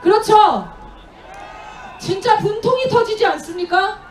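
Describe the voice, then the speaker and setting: A woman's voice: very high-pitched, animated, unhurried, distant mic, faint music behind. A woman emceeing an outdoor street protest, rousing the crowd with rhetorical questions and leading chants through a handheld mic. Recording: echoey outdoor rally with crowd noise.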